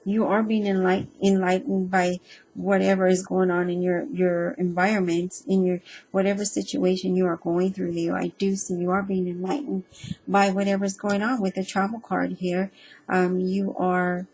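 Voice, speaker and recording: A woman giving a casual spoken tarot reading, earnest and reassuring, speaking haltingly with frequent ums and restarts. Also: lowish voice, little pitch movement, a little mellow, low-quality recording. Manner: hesitant and halting, with frequent ums and self-repeats; earnest and reassuring, addressing the listener directly. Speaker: tarot reader.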